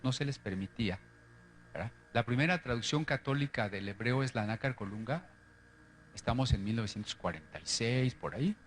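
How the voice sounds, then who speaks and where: A man's voice: medium pitch, a bit bright, slight background noise. A man lecturing on the history of Bible translations, explaining step by step and often checking in with his listeners.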